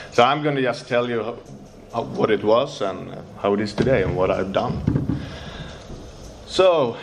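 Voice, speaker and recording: Speaking English with a Swedish accent, a man from Sweden, a native Swedish speaker, nervously shares his recovery story at a meeting, pausing as he searches for words. He has a medium-pitched voice with vocal fry, and there's background noise.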